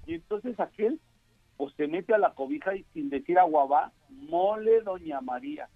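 A man's voice: a little high, moderate pace, slightly rough, no echo. A man, a comedian, animatedly telling jokes and stories. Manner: animated storyteller, voices many characters. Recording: tinny phone line.

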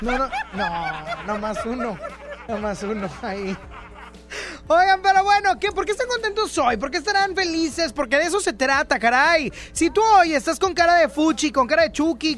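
A man's voice: extremely high pitch, a bit bright. A man with a Mexican accent hosting a radio show, chatting in a playful, teasing way and repeating lines for laughs. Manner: playful, teasing, repeats himself for comic effect. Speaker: radio host. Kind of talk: casual radio chat. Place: radio studio. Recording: music playing clearly behind.

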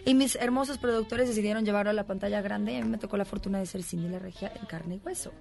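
Chatty actress from Mexico City. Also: female voice, medium pitch, vocal fry. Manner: animated, laughing, quick storytelling. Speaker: actress guest. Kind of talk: casual interview chat.

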